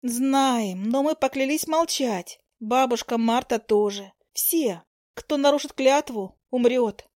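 A woman's voice: on the high side, slow pace, a little mellow, no echo, studio quality. A woman voicing a shy young werewolf girl who talks timidly and stammers, in a storybook reading. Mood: shy, nervous.

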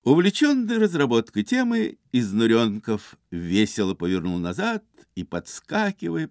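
Man narrating with animated, swooping pitch. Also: dry recording, studio quality. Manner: theatrical, animated storytelling. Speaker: audiobook narrator. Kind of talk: expressive literary narration.

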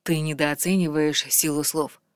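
A woman reading as a calm, wise creature. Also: deep voice, clean tone, no room sound, clean studio sound, natural voice. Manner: soft, measured.

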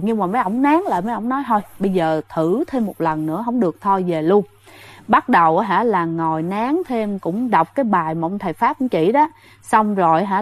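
A woman's voice: mid-range voice, no room sound. A woman telling a ghost story in a casual, chatty way, often speaking to her listeners directly. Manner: chatty, addresses listeners directly, many fillers.

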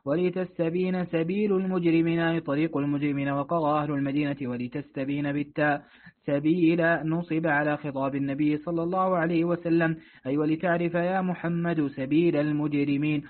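A man reading classical Quranic commentary aloud as a student in a lesson, brisk and steady, slowing down for quoted verses. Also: a little high. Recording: tinny phone-like recording.

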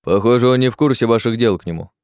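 A man's voice: mid-range voice, quick pace, clean tone, no room sound, voice pushed up, close to an everyday voice. Man playing a hostile town guard, barking threats, tight dry recording. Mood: menacing. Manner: loud and threatening. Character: gruff male city guard sergeant, hostile.

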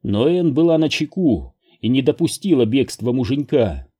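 A man reading an audiobook aloud in a slow, measured, even manner. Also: medium pitch, husky. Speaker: audiobook narrator. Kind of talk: scripted narration.

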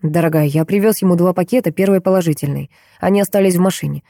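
Stern frightened father, middle-aged doctor, clipped and agitated, read by a woman in her own low voice. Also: quick pace, creaky, dark tone, no room sound, clean studio sound. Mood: pleading.

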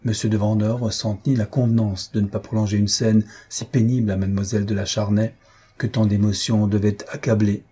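A man reading a historical tale aloud as an audiobook narrator, in measured, even storytelling. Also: lowish voice, husky. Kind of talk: scripted narration.

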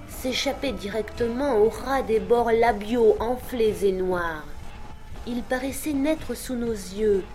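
A woman reads a literary tale aloud for an audiobook. Her delivery is measured and expressive, at a mid pitch for a woman. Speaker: narrator.

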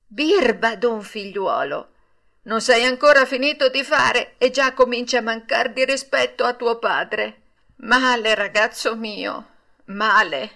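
A woman's voice: on the high side, expressive, a little slow, sharp tone, voice pushed up. A woman voicing a fretful old male woodcarver who scolds in a raised, exclaiming voice. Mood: reproachful.

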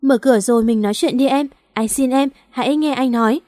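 A woman's voice: high-pitched, fairly quick, dark tone, no echo, studio quality, close to an everyday voice. A woman voicing a young male company director who is possessive and then remorseful, in a storybook reading. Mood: pleading. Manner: pleading, insistent.

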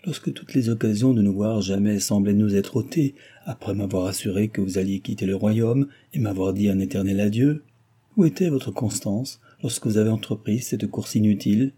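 A man's voice: fairly low pitch, moderate pace, dark tone, breathy edge. A man voicing a proud young woman who answers with firm indignation and reproach. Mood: reproachful.

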